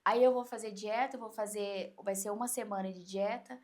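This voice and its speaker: A woman coach with a Brazilian Portuguese accent, explaining in an animated way on an interview podcast and acting out inner voices. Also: medium pitch, fairly quick.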